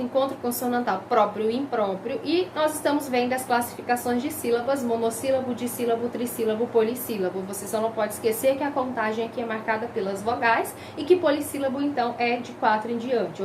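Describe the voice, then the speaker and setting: A woman teaching a grammar lesson. She is lively and emphatic, drags out her example words and keeps asking the viewer questions. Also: fairly high pitch, noisy background. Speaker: Portuguese language teacher.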